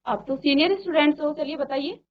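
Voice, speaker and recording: A woman's voice: high-pitched, brisk, phone-quality sound. A woman teacher giving a virtual classroom lesson, explaining step by step and questioning her students.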